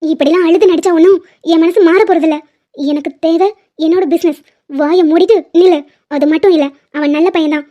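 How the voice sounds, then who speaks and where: A woman's voice: very high voice, steady tone, a little fast. Woman voicing a harsh, domineering cartoon mother. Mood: scolding. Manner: harsh, scolding. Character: stern, domineering middle-aged mother. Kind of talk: cartoon drama dubbing. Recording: dull lo-fi audio.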